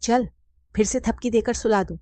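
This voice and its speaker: A woman voicing an affectionate, teasing middle-aged mother in a storybook reading, speaking in a soft, coaxing way. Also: fairly high pitch, moderate pace, dry recording, voice pushed up, natural voice. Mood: tender. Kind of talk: scripted story narration.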